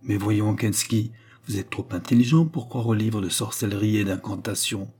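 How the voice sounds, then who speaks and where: A man voicing a young gentleman who answers simply, in a low, mellow storybook reading. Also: moderate pace, husky. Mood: plain. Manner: plain, simple replies. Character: young gentleman lord, skeptical and sincere.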